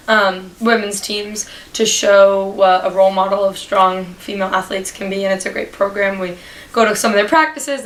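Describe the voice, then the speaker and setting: A woman's voice: mid-range voice, a bit bright, roomy sound, low-quality recording. Young female student athlete, upbeat and chatty, light background noise. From United States. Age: young adult. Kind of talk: casual interview.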